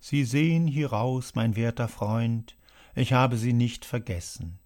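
A man voicing an agitated male writer who loudly reads out a letter in a dramatized audiobook. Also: medium pitch, a little slow, close to an everyday voice. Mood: declaiming. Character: agitated male literary man announcing news.

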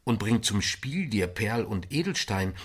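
Husky man reciting poetry dramatically. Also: fairly low pitch, measured pace. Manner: expressive, swelling and dropping in volume.

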